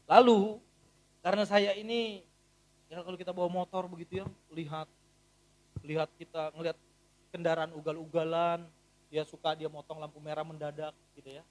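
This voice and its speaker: A man in his thirties, a pastor preaching a sermon in a church and telling stories with humor, often swinging from quiet to loud. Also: on the high side, normal speed, pauses often. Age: 30s. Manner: animated, humorous storytelling with big swings in loudness.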